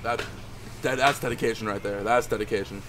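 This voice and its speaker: A man's voice: fairly low pitch, fairly even intonation, brisk, a bit bright, a little hiss or hum. A young man hosting a casual sports podcast, upbeat and steering the segments, often repeating words. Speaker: podcast host.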